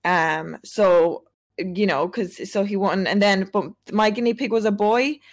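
A woman's voice: mid-range voice, fairly even intonation, unhurried. A woman streamer, chatting casually and rambling with many fillers. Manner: rambling, heavy use of "like". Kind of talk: casual storytelling chat.

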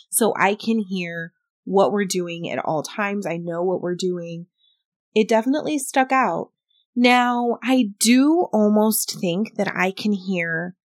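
A woman's voice: medium pitch, dry recording. Dry, close woman investigator host. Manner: thoughtful, hedging, explanatory. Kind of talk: casual podcast chat reviewing audio.

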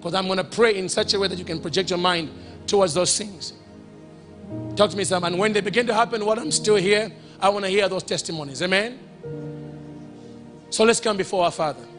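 A man's voice: high-pitched, fast talker, a bit bright, soft background music. A male preacher telling a story in a sermon and leading prayer, emphatic, repeating phrases and calling out to the congregation. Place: church or conference hall in Ghana.

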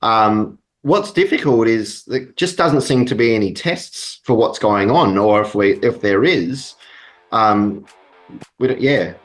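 A man in his thirties or forties giving a casual radio interview as a guest, halting and understated. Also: fairly low pitch, rough recording.

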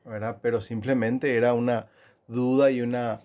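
A man's voice: mid-range voice, little pitch movement, normal speed, dark tone. Reflective middle-aged man, hesitant. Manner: reflective, hesitant, often says "¿verdad?". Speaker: podcast co-host. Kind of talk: casual chat.

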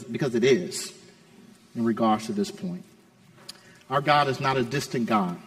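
A male pastor preaching a sermon, swinging between loud urgent peaks and hushed low asides, repeating words for emphasis. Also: long reverb tail.

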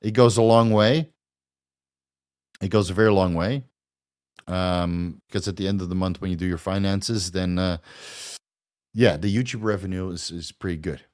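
Brief: male host, Dutch accent, lower voice, relaxed livestream Q&A, curses casually. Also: moderate pace, pauses often, clear, resonant tone. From Netherlands. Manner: loose, swears, laughs often. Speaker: host answering viewer questions.

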